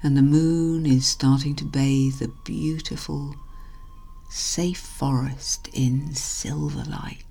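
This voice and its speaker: A woman hypnotherapist narrating a guided relaxation in a soothing, hushed delivery that trails softly toward a whisper. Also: low-pitched, fairly even intonation, slow pace, vocal fry. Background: music.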